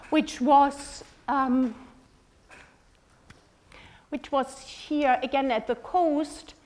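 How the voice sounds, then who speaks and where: A woman in her fifties from northern Germany, speaking English as a second language with a German accent, giving a relaxed, conversational lecture with frequent ums and self-corrections. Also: high voice. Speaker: veterinary cardiology professor giving a lecture.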